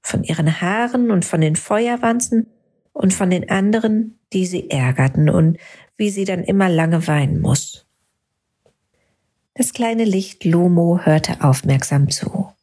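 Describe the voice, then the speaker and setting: A woman reads a bedtime story for children at a very slow, unhurried pace. Her voice is husky and breathy. She often drops into a soft half-whisper as she narrates. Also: on the low side, lively intonation.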